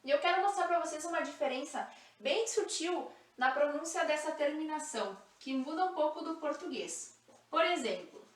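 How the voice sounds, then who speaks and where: A woman teaching a language lesson, speaking slowly and clearly, repeating example words and spelling out sounds. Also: high voice, lively intonation, echoey room, recorded from a distance. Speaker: Spanish teacher.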